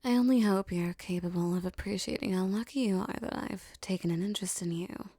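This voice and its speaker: In an intimate roleplay audio, a woman plays a regal, possessive empress who teases and coaxes a captive servant in soft, condescending tones, often close to a whisper, with a teasing, seductive mood. Her mid-range voice is brisk and close to everyday speech, with no echo.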